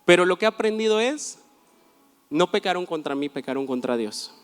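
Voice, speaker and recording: A man pastor preaching a sermon, telling stories with animated quoted voices. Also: high-pitched, normal speed, clear, resonant tone, long reverb tail.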